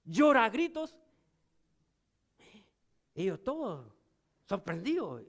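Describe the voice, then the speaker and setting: An older man with a Chilean accent preaching a sermon as pastor, moving between loud emphatic lines and low, quiet ones. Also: very animated, slow, gravelly.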